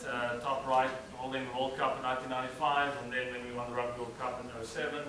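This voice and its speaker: A fast-talking student with a mid-range voice presents a slideshow at a cultural event, relaxed yet hesitant and leaning on "uh" fillers. He is a South African native speaker of Afrikaans with a matching accent. The background is noisy, and the mic sits far away in a roomy event hall.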